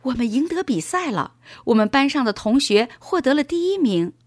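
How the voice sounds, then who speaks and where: A woman's voice: sits high, sing-song, moderate pace, dry recording, clean studio sound, pitched above the performer's own voice. A woman voicing an eager, curious young schoolboy in a children's storybook reading.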